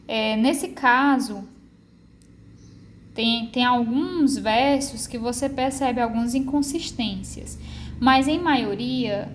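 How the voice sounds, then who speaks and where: A woman teacher with a Brazilian Portuguese accent giving a recorded lesson, patiently explaining and slowly spelling out syllables. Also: fairly high pitch, a little hiss or hum. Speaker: literature teacher.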